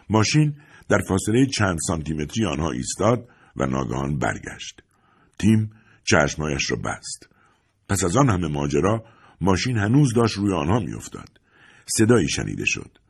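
A man's voice: sits low, vocal fry, slightly rough. A man narrating an adventure audiobook, telling the story expressively. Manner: expressive storytelling with lively swings. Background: faint music.

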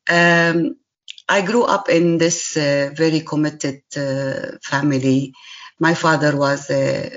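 Lady about 60, slow and halting, pretty flat, dull lo-fi sound. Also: sits low. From Syria, raised in Jordan. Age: around 60. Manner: halting, many pauses and repeated words. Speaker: guest, charity partner. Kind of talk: personal story in a podcast interview.

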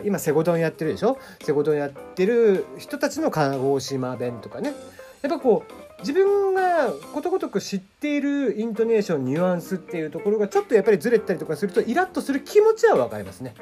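A man hosting a casual solo web radio talk, reading listener questions in a rambling way with many fillers and a slight mixed regional lilt under standard speech. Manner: rambling, many fillers, animated pitch swings.

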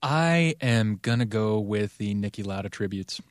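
A man's voice: on the low side, lively intonation, normal speed, dry recording. A man co-hosting a podcast, chatting casually and enthusiastically, rambling with many fillers. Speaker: podcast co-host. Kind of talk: casual chat.

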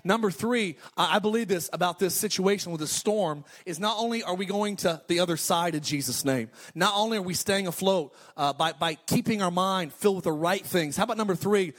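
A pastor in his thirties gives an energetic sermon, his voice high and bright-edged. He repeats declaration after declaration, slips in quick jokes, and then drives his point home.

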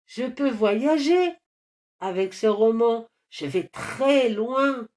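Woman voicing a stubborn little boy, high pleading voice, insistent, storybook reading. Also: expressive, slow pace, darkish tone. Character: stubborn young boy wanting his book.

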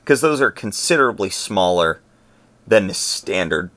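A man co-hosting a podcast, talking in a relaxed, conversational way and explaining his points at length. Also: deep voice, moderate pace. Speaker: podcast co-host. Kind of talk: casual podcast chat.

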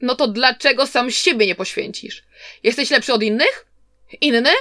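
A woman's voice: a little high, normal speed, sharp tone, dry recording, clean studio sound. A woman voicing a stern, hot-tempered elder warrior brother who speaks bluntly and scornfully.

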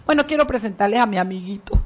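A woman's voice: mid-range voice, lively intonation, fast. A woman hosting a radio talk show, commenting on the news with emphatic, indignant, playful remarks and interviewing guests. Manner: emphatic, indignant, playful Cuban-style slang.

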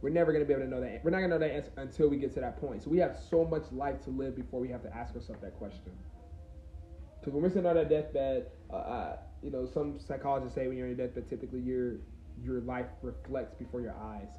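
A man's voice: medium pitch, quick pace, mellow, a little hiss or hum. Young man musing on a podcast. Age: 20s. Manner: rambling, reflective, many fillers and restarts. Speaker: podcast host. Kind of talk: casual solo podcast talk. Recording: roomy, slightly dull recording.

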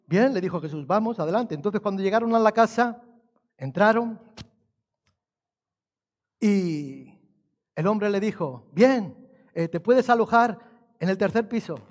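A man's voice: high voice, lively intonation, measured pace, pauses often. A man preaching a sermon as pastor, telling a humorous story and asking the congregation rhetorical questions.

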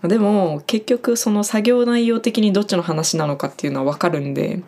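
Speaking fairly quickly in a warm, medium-pitched voice, a young Japanese farm worker from Japan chats through the German words she needs on the job. Her casual, friendly explanation is packed with fillers.

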